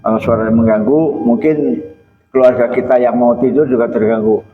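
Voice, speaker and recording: A male preacher giving a lively sermon on etiquette for guests, now and then acting out visitors in high, put-on voices. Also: a little fast, slight background noise. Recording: echoey hall, dull lo-fi sound.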